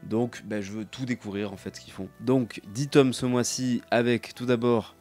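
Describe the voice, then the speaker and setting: A man's voice: mid-range voice, steady tone, moderate pace, darkish tone. A man hosting a casual, chatty vlog, talking informally to his viewers. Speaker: host of a manga haul video. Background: background music.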